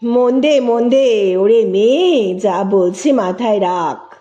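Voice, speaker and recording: A woman voicing a gentle, humble elderly woman who once taught school, speaking softly and modestly. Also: fairly high pitch, moderate pace, dull audio, natural voice. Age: older. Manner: soft-spoken, modest and kindly.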